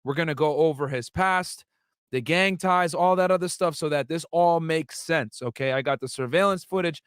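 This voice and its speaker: A man's voice: a little high, moderate pace, clean tone, dry recording, clean studio sound. A young man from the United States hosting a casual livestream, talking to viewers with lots of fillers and asides. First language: Arabic. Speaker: livestream host.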